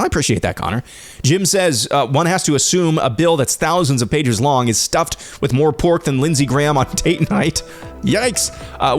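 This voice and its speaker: A male news host talks bluntly and with strong opinions, reading listener comments and answering them. His voice sits at an ordinary pitch.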